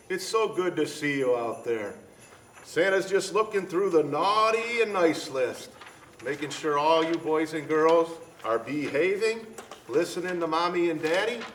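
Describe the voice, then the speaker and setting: A man playing a jolly old Santa Claus who talks affectionately and heartily to children before a storybook reading. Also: on the high side. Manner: jovial, affectionate, hearty ho-ho-ho talk. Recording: echoey room, distant mic, background noise.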